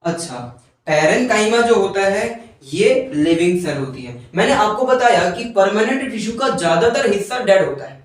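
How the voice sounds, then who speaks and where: A male teacher giving a classroom lecture, dictating definitions word by word and often asking students if it is clear. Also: high-pitched, expressive, moderate pace, recorded from a distance. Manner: keeps checking in with students. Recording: very echoey room, voice from off-mic.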